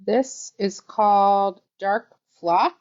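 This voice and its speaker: A woman's voice: medium pitch, drawn-out words, a little mellow. Woman livestream host, chatty and enthusiastic, slightly dull audio. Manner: chatty, gushing, thinks aloud while handling items. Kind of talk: casual product showcase livestream.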